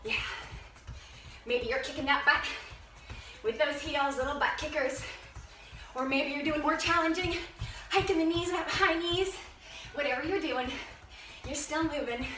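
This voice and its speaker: A woman's voice: high voice, measured pace, long pauses, pushed and bright, far from the mic, faint music behind. A woman leading a home workout, counting reps and giving upbeat, encouraging cues while out of breath. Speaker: fitness instructor. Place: room at home. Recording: echoey room, voice off-mic.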